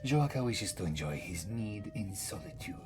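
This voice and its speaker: Fairly low-pitched with big pitch swings, a man whispers breathily as a wry, world-weary old Khajiit wanderer who teases in an ASMR fantasy roleplay. Sounding wry and weary, the mysterious cat-man rambles in third person with theatrical pauses while prominent music plays behind him.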